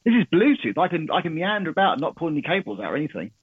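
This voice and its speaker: A man calling in as a motorsport correspondent, chatty and excitable, his voice coming through a thin, phone-like headset line. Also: a little high, very fast, slightly rough, dry recording. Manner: chatty and excitable, talks over others. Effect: thin phone-like line through a Bluetooth headset. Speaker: Formula One correspondent. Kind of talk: casual chat. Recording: thin, muffled call line, dry.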